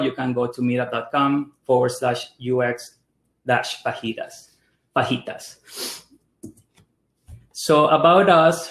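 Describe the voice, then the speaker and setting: An Ecuadorian man with a medium-pitched voice hosts a casual online meetup, introducing it in a friendly way full of fillers and restarts. He mixes in Spanish greetings, and the video call has a roomy echo.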